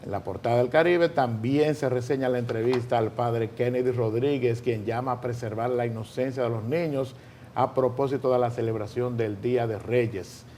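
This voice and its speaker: Male news co-host, Dominican Caribbean Spanish, relaxed mellow tone, halting conversational delivery, faint background noise. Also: mid-range voice. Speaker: morning news show co-host. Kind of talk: conversational news presenting and commentary.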